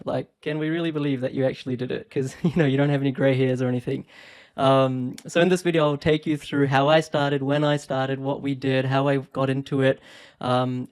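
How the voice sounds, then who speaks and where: A man's voice: medium pitch, clear, resonant tone. Chatty man with an Aussie-Kiwi accent. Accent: New Zealand and Australian. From born in India, raised in New Zealand and Australia. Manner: chatty, upbeat, with small laughs and frequent ums. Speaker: property investment YouTuber. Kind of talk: casual talk to camera. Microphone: phone.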